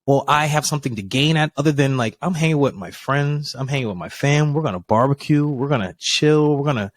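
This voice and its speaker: A man co-hosting a casual podcast, telling stories in an animated way and acting out the dialogue. His voice sits in the middle of the male range. The sound is dry and close. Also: mid-range voice, a little fast, no room sound. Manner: animated storytelling, acts out quoted dialogue, swears casually. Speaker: podcast co-host. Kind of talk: casual chat.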